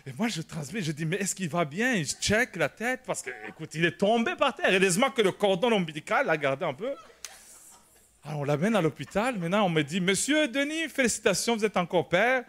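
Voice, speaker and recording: A male pastor, telling a personal story in a sermon, animated and shouting at the dramatic moments. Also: sits high, brisk. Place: church prayer meeting.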